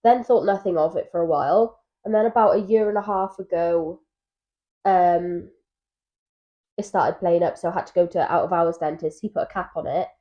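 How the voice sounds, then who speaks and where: A young woman in her twenties co-hosting a couples podcast, chatting casually and telling stories with animated asides. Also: on the low side, moderate pace. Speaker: podcast co-host. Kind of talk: casual chat. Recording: dull lo-fi mic sound.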